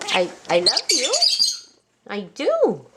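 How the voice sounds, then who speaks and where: A woman's voice: mid-range voice, huge pitch swings, slow pace. A woman who owns pet birds, talking to them in affectionate, sing-song baby talk with short repeated phrases. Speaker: pet bird owner. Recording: very noisy home recording with bird chirps.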